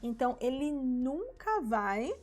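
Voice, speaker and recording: A Brazilian woman teaching English through a worship song, patiently modeling each English word slowly. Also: high-pitched, big pitch swings, soft background music. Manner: patient, stretching English words slowly when modeling them. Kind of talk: English lesson using song lyrics.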